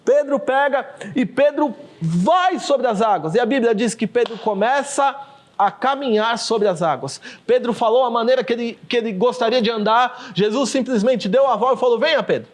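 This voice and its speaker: Man, Brazilian accent, pastor, livestreamed sermon, fervent, very high voice. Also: moderate pace. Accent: Brazilian Portuguese. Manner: fervent, addresses listeners as "queridos", acts out scripture. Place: in front of a camera, livestream.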